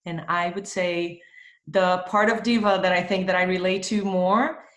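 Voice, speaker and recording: A Brazilian marketing executive in her thirties joins an interview by video call from her home in Spain, speaking thoughtfully with many fillers. Her lowish voice is fairly even in intonation, moderately paced, and fairly bright, in an echoey room.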